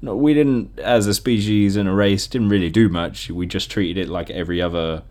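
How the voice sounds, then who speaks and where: A man hosts a podcast solo in a casual, chatty, jokey style, often laughing at his own remarks and acting out imagined quotes. His voice sits low and is a little mellow, at a normal speed.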